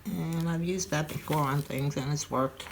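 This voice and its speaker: An older woman with a low, slightly stuffy voice hosts a relaxed craft tutorial at her craft table at home, speaking at normal speed with fairly even intonation. She's chatty and thinks aloud as she works, while crinkling craft noise is audible.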